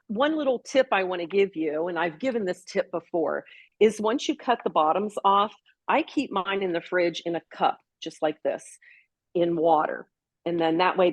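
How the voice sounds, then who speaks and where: With a fairly low-pitched voice and no room sound, a female co-host of a health show prepares a salad in a casual cooking demo, chatting and walking through it step by step.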